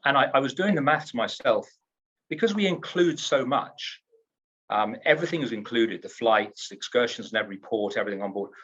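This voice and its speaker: A man's voice: mid-range voice, expressive, fairly quick, a bit bright, slightly rough, dull audio. A man from the UK, a cruise line executive in a trade interview, talks up his company in an upbeat, salesy way and often restarts his words.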